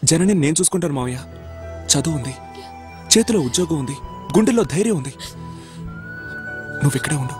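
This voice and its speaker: Earnest young man, quick and pleading. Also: on the high side, lively intonation, darkish tone. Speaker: young nephew leaving home. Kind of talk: film dialogue. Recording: dubbed film audio with music behind.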